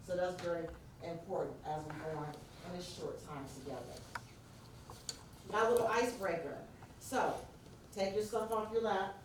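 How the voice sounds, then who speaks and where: In a church meeting room, a New York woman with a deep voice runs an interactive workshop, engaging her listeners and prompting them directly. The mic is distant, the room is very echoey, and there's a faint noise underneath.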